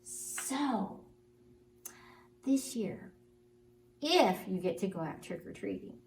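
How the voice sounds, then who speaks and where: A woman telling stories to young children in an animated story-time style. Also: medium pitch, slow pace, creaky. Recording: roomy, distant mic, faint noise.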